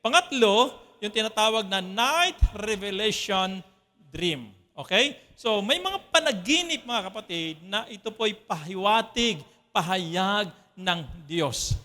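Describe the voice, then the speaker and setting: Bright high-voiced man preaching. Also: lively intonation, takes it slowly. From Philippines. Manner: conversational preaching with frequent "ano po" checks to the congregation. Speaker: pastor. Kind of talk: sermon. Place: church.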